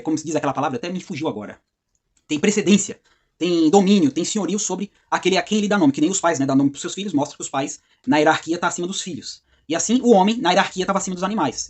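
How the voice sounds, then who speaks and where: A man explains scripture in a quick, chatty teaching style, tossing in tag questions as he goes. His voice is husky and sits a little high for a man. He slows noticeably whenever he reads verses aloud. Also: darkish tone. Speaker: Bible teacher. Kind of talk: informal Bible study video.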